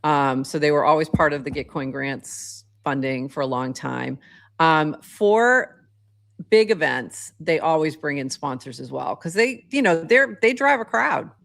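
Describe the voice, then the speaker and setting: A woman's voice: deep voice, lively intonation, measured pace, creaky, a bit bright. A woman co-hosting a casual podcast chat, chatty with frequent fillers and laughs. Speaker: co-host.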